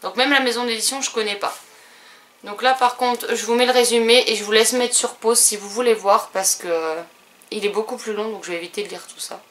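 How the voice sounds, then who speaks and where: Bright-voiced French woman chatting. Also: a little high, fairly even intonation, fairly quick. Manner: chatty, hesitant with many fillers. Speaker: book and stationery vlogger. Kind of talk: casual haul video chat.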